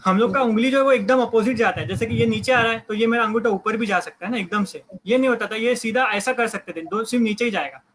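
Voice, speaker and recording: A man's voice: high-pitched, fast talker, hardly any pauses, fairly bright tone, a little hiss or hum, poor audio. A man explaining human evolution in casual talk, hesitant, with many fillers and restarts. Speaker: guest biologist explaining evolution.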